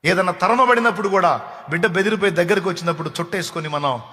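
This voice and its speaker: High-voiced emphatic male preacher. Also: fast, bright, forceful tone. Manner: emphatic, repeats phrases for stress. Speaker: pastor. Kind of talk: sermon. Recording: echoey hall with long reverb.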